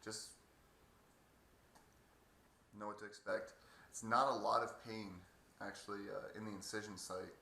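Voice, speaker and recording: A man giving a halting, hesitant casual video update with a sore throat two days after surgery. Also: fairly low pitch, flat delivery, creaky, pushed and bright. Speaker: patient vlogger. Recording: echoey room, faint background noise.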